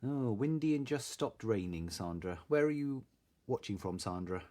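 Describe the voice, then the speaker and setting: Hosting a craft live stream, a man from Salisbury in southern England chats casually and informally, greeting his viewers. His voice is fairly low and mellow, with lively intonation at a moderate pace.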